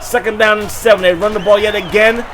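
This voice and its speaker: A man giving lively, joking play-by-play commentary over a football video game, often bursting into shouts. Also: high voice, fast talker, a crowd in the background, noisy background. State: short of breath at times. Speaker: gaming YouTuber.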